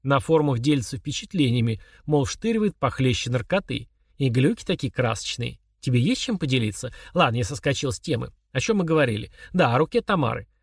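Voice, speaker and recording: A man voicing a calm, mocking young man who chats casually while confessing murder to his father. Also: medium pitch, fairly quick, hardly any pauses, slightly rough, no echo, clean studio sound. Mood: coolly sneering. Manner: chummy, sneering, confessional tone.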